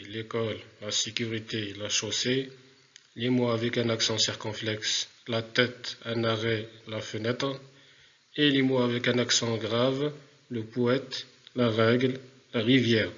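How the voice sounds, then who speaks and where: A man teaching a remote spelling lesson to pupils, speaking deliberately and repeating words for dictation. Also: medium pitch, level tone, fairly bright tone, muffled recording.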